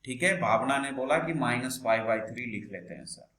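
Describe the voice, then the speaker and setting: A man's voice: mid-range voice, animated, moderate pace, fairly bright tone. A man teaching a maths class online in speech, patiently calling students "beta" and asking them questions as he explains. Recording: echoey room, faint background noise.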